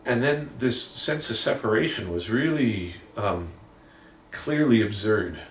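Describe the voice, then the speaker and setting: A man's voice: fairly low pitch, expressive, measured pace, a little hiss or hum. A man candidly reflecting in a casual, rambling monologue, swearing now and then. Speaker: musician vlogging an update. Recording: roomy, distant mic with faint ambience.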